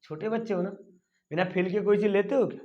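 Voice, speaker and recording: A man's voice: sits high, quick pace. A male physics teacher lecturing at a board, coaxing students with questions that he answers himself. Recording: dull lo-fi recording.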